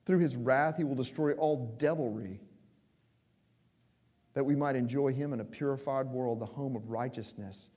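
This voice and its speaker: A man preaching a sermon with passion, stressing words slowly and then rushing through quick asides. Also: medium pitch, dark tone. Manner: impassioned, emphatic, swings between slow stresses and quick asides. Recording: long hall reverb.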